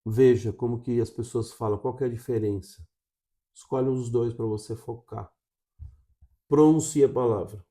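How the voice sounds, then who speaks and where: Brazilian male teacher, warm mellow tone, direct-to-camera coaching delivery. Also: mid-range voice, fairly even intonation, normal speed. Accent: Brazilian Portuguese. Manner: coaching, checks in with frequent "tá?". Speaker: English teacher.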